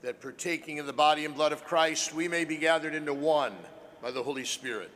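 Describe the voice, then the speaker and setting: Male priest saying mass prayers, solemn and deliberate, kinda high voice, big cathedral echo. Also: fairly bright tone. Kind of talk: liturgical prayer, measured recitation. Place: large echoing church. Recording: cathedral-like echo, long reverb, faint noise.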